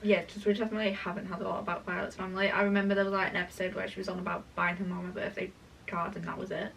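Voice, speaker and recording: A woman's voice: mid-range voice, level tone, very fast, gravelly, fairly bright tone, far from the mic, slight background noise. A woman co-hosting a fan podcast in casual, conversational chat.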